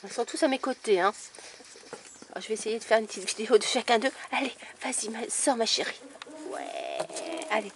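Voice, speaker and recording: A woman's voice: fairly high pitch, brisk, slight background noise. A woman breeding dogs, chatting casually to camera outdoors by a kennel and cooing affectionately at her puppies. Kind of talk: casual vlog narration.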